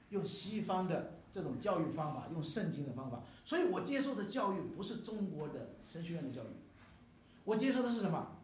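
An older male pastor preaching with emphasis and tossing rhetorical questions at his listeners. His voice sits a little high for a man. The room is echoey and he stands away from the mic. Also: slight background noise. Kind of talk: sermon. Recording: echoey hall, mic at a distance.

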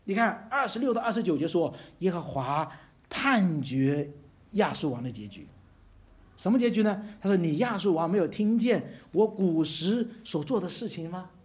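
Animated preacher with a lively, swooping voice. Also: mid-range voice, normal speed. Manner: animated, asks the congregation rhetorical questions; chuckles between phrases. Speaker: pastor. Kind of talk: sermon.

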